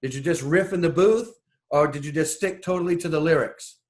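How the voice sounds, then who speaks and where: Chatty male interviewer, high voice. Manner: friendly, chatty questioner with quick backchannels. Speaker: interviewer for a magazine. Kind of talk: casual interview questions.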